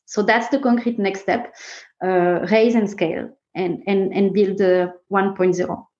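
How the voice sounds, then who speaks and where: Unhurried and steady in tone, this woman has a medium-pitched, darkish voice. She's a startup co-founder in a casual interview, speaking emphatically with buzzwords and non-native English phrasing. The audio sounds muffled and echoey.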